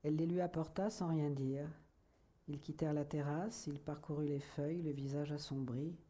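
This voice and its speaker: A woman reading a literary novel aloud in a measured, soft manner that at times sinks to a whisper. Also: low voice, steady tone. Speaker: audiobook reader. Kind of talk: literary audiobook narration.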